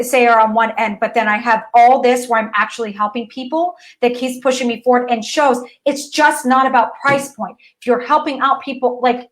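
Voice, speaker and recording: A woman dance physical therapist teaching an online course lesson in a casual, animated way, talking straight to viewers and often restarting her sentences. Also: fairly high pitch, rough recording. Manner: reads messages aloud.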